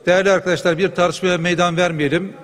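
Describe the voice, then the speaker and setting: A middle-aged man chairing a parliament session, making brisk procedural announcements into a desk microphone. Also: high voice, level tone, fairly bright tone. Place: large parliament chamber. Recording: long hall reverb.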